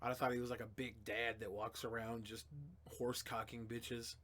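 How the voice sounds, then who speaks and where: A young man runs a casual livestream, fielding chat questions loosely and with plenty of profanity, drifting from mumbles to loud outbursts. His mid-range voice stays fairly flat in pitch, and he speaks at a moderate pace.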